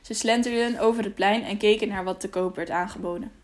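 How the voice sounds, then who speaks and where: Brief: female storybook narrator, even and clear. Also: medium pitch, brisk. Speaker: audiobook narrator. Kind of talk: audiobook narration.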